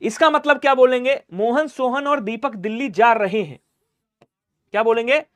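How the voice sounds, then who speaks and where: A male Hindi teacher giving an exam-prep lesson, quizzing students with repeated questions and trailing off softly at the end of each point. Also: very high voice, moderate pace, no echo.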